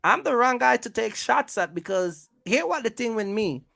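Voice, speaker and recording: Animated and mid-range, with vocal fry and a pushed, bright tone, the trucking vlogger keeps a moderate pace while calling out rivals. His casual rant to camera repeats points and throws out rhetorical questions, and there's no room sound.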